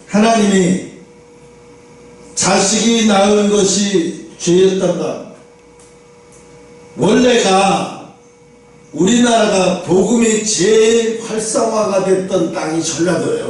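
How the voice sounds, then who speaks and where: Captured from a distance in an echoey church hall with faint noise, a man preaches a sermon in a conversational manner, asking rhetorical questions. His voice is high with a darkish tone.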